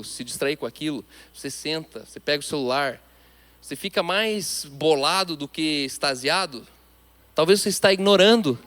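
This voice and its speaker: High-voiced Brazilian pastor preaching emphatically. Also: male voice. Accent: Brazilian Portuguese. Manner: emphatic, with sudden swings between loud and hushed. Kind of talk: sermon.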